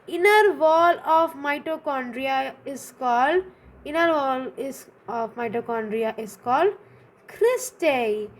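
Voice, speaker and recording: A woman's voice: high voice, slow pace, slight background noise. A woman with an Indian English accent explaining biology step by step, repeating key terms and checking in with "okay?". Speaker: teacher. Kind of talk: online biology lesson.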